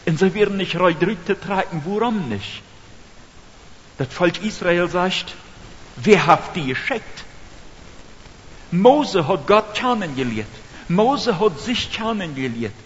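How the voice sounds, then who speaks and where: A man delivers a slow, earnest sermon and turns often to the listener with questions. His voice sits high. The recording is dull and lo-fi, with a long reverb tail and faint hiss. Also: expressive. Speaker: preacher.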